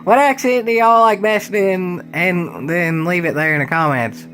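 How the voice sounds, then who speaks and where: A man's voice: high voice, a little slow, bright, forceful tone, faint music behind. A man commentating a video game racing league in an exaggerated put-on country drawl, folksy and playful, full of hokey sayings. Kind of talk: sim-racing play-by-play commentary.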